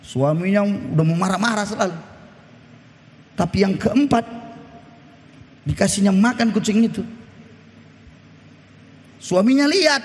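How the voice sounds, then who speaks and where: A male pastor preaches in a very high voice that leaps all over. He tells his stories with animation and keeps firing questions at the congregation. His voice carries through a church hall with a long echo. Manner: animated storytelling, quizzing the congregation. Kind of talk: sermon.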